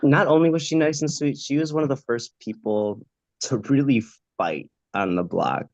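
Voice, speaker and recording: A man hosting a casual chat, lively and talkative, laughing easily. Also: medium pitch, moderate pace, no echo, highs cut off. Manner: animated, chatty, laughs easily.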